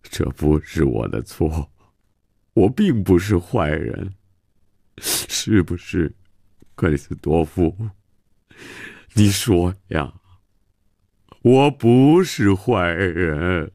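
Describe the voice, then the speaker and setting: A man's voice: deep voice, animated, very slow, no echo, clean studio sound, exaggerated voice. A man voicing an ashamed, drunken middle-aged father who mumbles and pleads hesitantly. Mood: pleading.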